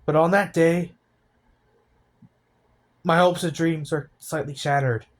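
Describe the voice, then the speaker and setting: An eighteen-year-old man talking about his feelings in a personal vlog, halting and downcast, often restarting his sentences. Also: a little high, fairly even intonation. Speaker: vlogger.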